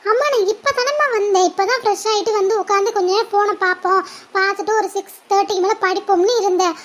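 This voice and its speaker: Woman playing a whiny bratty schoolgirl, very high voice, complaining. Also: steady tone, quick pace, a bit bright. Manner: whining, complaining.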